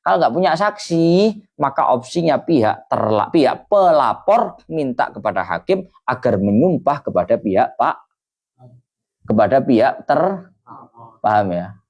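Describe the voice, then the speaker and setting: A man's voice: medium pitch, unhurried. A man with an East Javanese accent explains an old Islamic text to his students, his voice rising and falling a lot. He switches between recited Arabic and everyday Indonesian with Javanese asides. He often stops to check that his students follow. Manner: animated, reads Arabic lines then explains them in Indonesian with Javanese asides; keeps checking that students understand. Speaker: Islamic kitab teacher.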